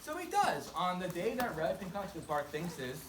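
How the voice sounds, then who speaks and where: Speaking at a normal speed in a fairly low, sing-song voice, she playfully pokes fun at herself as she tells a story to a live audience and draws them into participating. The crowd calls out around her, and the sound is echoey, far-miked and noisy.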